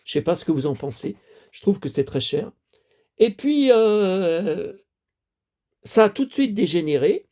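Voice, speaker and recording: A man's voice: high-pitched, big pitch swings, a little slow, long pauses, mellow. A man in his fifties, a collector chatting casually to camera, rambling and repeating himself with many fillers. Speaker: toy collector vlogger.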